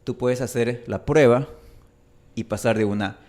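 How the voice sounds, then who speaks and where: Native spanish-speaking guy teaching vowels, super slow and careful, stretches the sounds out. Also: mid-range voice, darkish tone. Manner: slow, careful enunciation with drawn-out example vowels. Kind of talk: pronunciation lesson.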